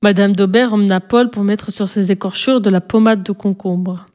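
A woman narrating a children's story as an audiobook, in calm, clear storytelling. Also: mid-range voice, moderate pace.

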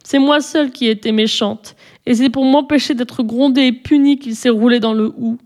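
A woman's voice: a little high, fairly even intonation, moderate pace, darkish tone, close to an everyday voice. A woman reading aloud and voicing a remorseful, tearful little girl in a storybook, in a pleading, earnest way.

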